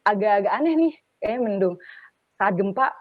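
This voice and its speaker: A young woman from Palu, guesting on a podcast and telling her story in long, animated, run-on sentences. Her voice comes through a narrow, tinny phone-like line. The sound is completely dry, with no room echo. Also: mid-range voice, normal speed. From Palu, Central Sulawesi, Indonesia. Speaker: radio announcer and podcast guest. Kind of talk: casual interview storytelling.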